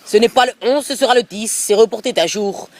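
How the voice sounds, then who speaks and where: Man putting on a pushy Alsatian football coach, high voice, rambling prank call, phone close to the mouth. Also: a little fast. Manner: pushy, rambling, repeats filler tags. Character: brash bigoted middle-aged male football coach, pushy. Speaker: prank caller. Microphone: phone held close to mouth.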